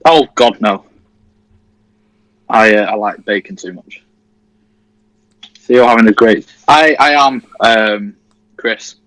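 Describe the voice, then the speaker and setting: A man's voice: fairly low pitch, takes it slowly, pauses often, a bit bright, no room sound, low-quality recording. An eighteen-year-old man from Leeds co-hosts a football watchalong stream in an easygoing, jokey way. His voice is recorded dry and close, with no room sound. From Leeds, England. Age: teens. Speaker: livestream co-host. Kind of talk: casual football watchalong chat.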